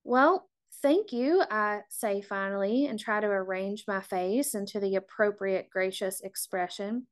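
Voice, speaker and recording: A middle-aged woman reading her own memoir aloud in a measured, reflective and confessional way. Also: medium pitch, steady tone, smooth. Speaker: author.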